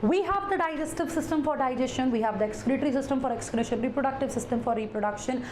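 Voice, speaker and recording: Echoey room, woman lecturer, North Indian accent, high-pitched, repetitive phrasing, direct address to students, Hindi interjections. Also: quick pace, a little mellow. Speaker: teacher. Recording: echoey room, faint background noise.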